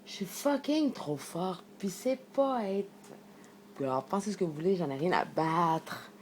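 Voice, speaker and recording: Talking straight to camera, this Québécois-accented vlogger rambles through her thoughts with emphasis and plenty of swearing. Her lowish voice is a little mellow and a little slow, with lively intonation, and the recording carries faint hiss or hum.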